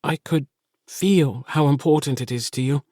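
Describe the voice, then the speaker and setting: A timid little boy stammers out his words, higher than a grown man's voice. A man acts him out in an audiobook. The recording is dry and close. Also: moderate pace, a little mellow, no echo, natural voice. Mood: shy. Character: shy, eager little boy.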